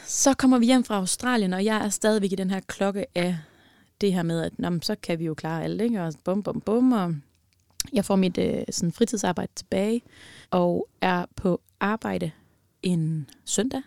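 A woman telling a personal story in a casual chat, her voice gravelly and fry-laden. She talks animatedly, swinging between loud bursts and hushed near-whispers. The sound is dry and close, with no room around it. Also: mid-range voice, no room sound.

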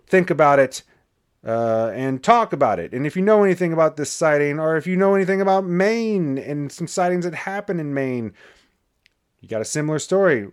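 A man hosting a podcast, telling a sighting story and chatting loosely with fillers and the odd curse. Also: on the high side. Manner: loose and conversational, with frequent fillers and swearing. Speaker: podcast host. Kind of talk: casual podcast monologue.

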